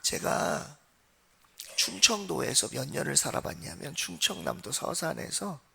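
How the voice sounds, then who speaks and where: A man from Seoul gives a Sunday sermon in a church, spinning stories and turning to the congregation to ask them questions. His voice sits a little high and has a bright, forceful edge. A heavy gravelly fry runs through it. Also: big pitch swings, a little slow, a little hiss or hum. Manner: conversational storytelling, addresses the congregation. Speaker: pastor. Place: church sanctuary.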